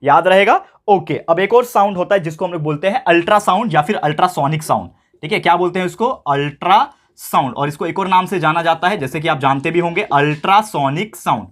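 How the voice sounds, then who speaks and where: A young man teaching a science lesson online, mixing English terms into his talk, asking rhetorical questions and repeating key terms slowly. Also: fairly high pitch, fairly bright tone. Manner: mixes English phrases into Hindi. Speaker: science tutor.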